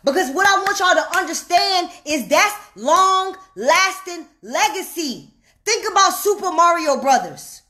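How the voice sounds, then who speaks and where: Woman online money coach, high-pitched, slow emphatic delivery, preachy and passionate. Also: animated, sharp tone. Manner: emphatic and preachy, repeats lines slowly, calls out "hello?". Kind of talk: fired-up direct-to-camera rant.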